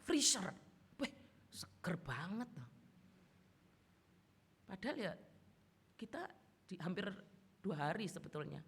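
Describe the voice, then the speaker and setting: A woman pastor with an East Javanese accent, preaching a sermon in lively storytelling style, mimicking the people she talks about. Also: medium pitch, husky. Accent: East Javanese Indonesian. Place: church sanctuary. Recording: long church hall reverb.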